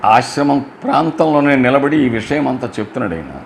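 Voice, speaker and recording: A man's voice: mid-range voice, expressive, slight background noise. A man giving a religious storytelling discourse, explaining verses line by line and asking his listeners rhetorical questions. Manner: chants verses in slow drawn-out melody.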